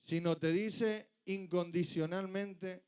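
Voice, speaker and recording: High-voiced emphatic preacher man. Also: fairly even intonation, takes it slowly, a little mellow, clean tone. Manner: emphatic, rhetorical questions, rising to urgent peaks. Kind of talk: sermon.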